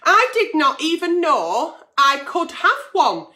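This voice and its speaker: A woman's voice: sits high, very animated, takes it slowly, pushed and bright. A woman hosting a chatty livestream, blunt and sweary, her diction slightly slack without her dentures in. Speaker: online agony aunt show host, pantomime performer. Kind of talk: chatty late-night livestream, reading out letters.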